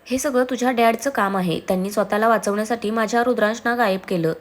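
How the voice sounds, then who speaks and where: A woman's voice: fairly high pitch, fast, close to an everyday voice. A woman reading the lines of a fierce, grieving young woman who hurls accusations in a storybook reading. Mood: furious. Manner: heated, accusing.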